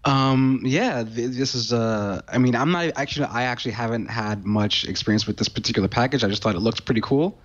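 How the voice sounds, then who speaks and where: A man appearing as a guest programmer, explaining casually and haltingly with lots of ums and restarts. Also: mid-range voice. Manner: hesitant, full of ums and restarts. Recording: dull lo-fi sound.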